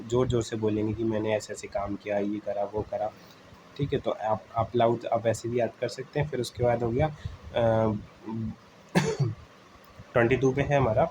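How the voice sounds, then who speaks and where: In a medium-pitched, slightly mellow voice, a man runs an informal exam-prep vocabulary lesson full of memory tricks, often saying "okay" and "theek hai," calling his audience "friends," and pausing with "uh." The low-quality recording has a bit of hiss or hum.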